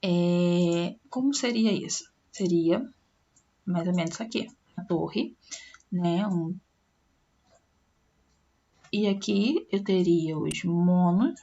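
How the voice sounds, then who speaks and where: A woman's voice: lowish voice, slow, long pauses, dark tone, dull audio. A woman with a Brazilian Portuguese accent, a science teacher giving a recorded online class and explaining step by step with frequent tag questions.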